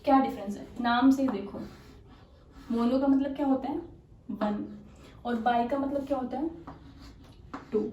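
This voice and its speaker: A woman's voice: sits high, measured pace, pauses often, dark tone, recorded from a distance, lo-fi sound. A woman teaching a chemistry exam-prep lecture, explaining step by step, asking rhetorical questions and mixing in English technical terms. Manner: mixes English technical terms into her talk. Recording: echoey room, voice a bit off-mic, faint hiss.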